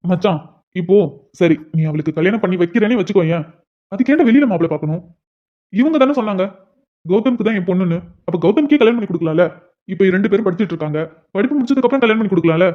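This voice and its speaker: A man's voice: high voice, natural voice. Man voicing a worried young brother. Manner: earnest, pleading, calls his friend "machan". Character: young man worried about his little sister. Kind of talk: cartoon voice acting. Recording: dull lo-fi sound.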